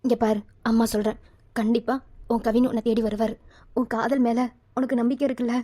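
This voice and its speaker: A woman's voice: fairly high pitch, flat delivery, a little fast, mellow, close to an everyday voice. A woman voicing a mother in a cartoon, soothing and reassuring her grieving daughter. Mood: consoling. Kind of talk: Tamil cartoon voice acting.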